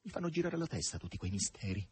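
A man's voice: lowish voice, sing-song, fast talker, warm tone, a little hiss or hum. A man voicing a troubled, desperate grown woman in an audiobook reading, pleading and agitated. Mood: bitter.

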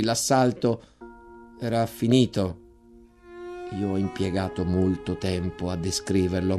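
A man reading a war memoir aloud, measured and dropping quiet in tense passages. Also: medium pitch.

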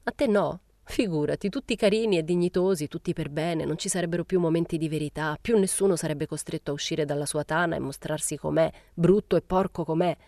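A cynical, worldly young woman, voiced by a woman reading aloud speaks bluntly and with scorn. Her voice sits low and dark, and the sound is dry and close. Faint music plays underneath. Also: fairly quick, hardly any pauses, no echo. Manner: blunt, world-weary remarks. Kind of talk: audiobook character reading.

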